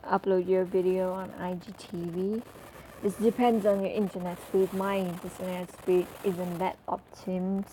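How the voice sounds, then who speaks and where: A woman's voice: medium pitch, warm tone, a little hiss or hum, poor audio. A woman talking through an app tutorial as a casual voice-over, chatty and full of fillers as she walks through each step. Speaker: tutorial presenter.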